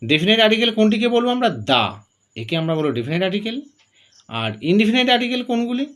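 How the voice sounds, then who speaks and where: A man teaching a lesson, his voice sitting high and swinging widely as he goes. He poses a question, then answers it himself, stepping through example after example in a classroom style. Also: sing-song, rapid-fire, fairly bright tone. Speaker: English grammar teacher.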